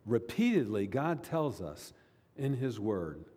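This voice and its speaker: Mellow-voiced man preaching in a reverberant hall. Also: mid-range voice, very animated, breathy edge. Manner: earnest, repetitive preaching with emphatic pauses. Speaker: pastor. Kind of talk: sermon.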